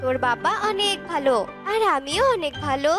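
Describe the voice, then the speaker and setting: A woman's voice: sits high, expressive, moderate pace, loud music behind the voice, voice pushed down. A woman voicing a spiteful, nagging old bird grandmother who scolds her daughter-in-law in a cartoon. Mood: sweet-talking.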